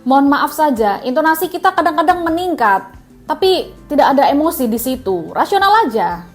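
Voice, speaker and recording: A woman's voice: high-pitched, big pitch swings, normal speed, faint music behind. A woman voicing a middle-aged male minister who apologizes for his raised tone and jokes about himself in a court reenactment. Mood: apologetic joking. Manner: apologetic, self-deprecating.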